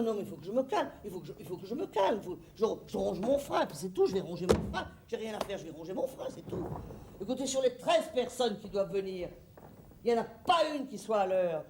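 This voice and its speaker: A stage actress playing a flustered, fussy middle-aged hostess in a comedy monologue, rambling theatrically to the audience. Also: female voice, on the high side, darkish tone, a little hiss or hum.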